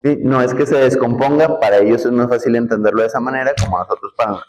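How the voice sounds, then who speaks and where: A man with a northern Mexican accent teaching a class in a classroom. He talks in a relaxed, conversational way, explains step by step and often checks in with the students. His voice sits at an ordinary middle pitch. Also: fast talker, rough recording. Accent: northern Mexican, Nuevo León. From Nuevo León, Mexico. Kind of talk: classroom lecture.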